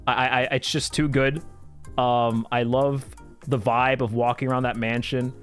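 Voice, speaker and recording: A man's voice: mid-range voice, level tone, moderate pace, fairly bright tone, clean tone. Casual enthusiastic male streamer over music. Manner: enthusiastic, profane, laughs while talking. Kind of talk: casual livestream commentary.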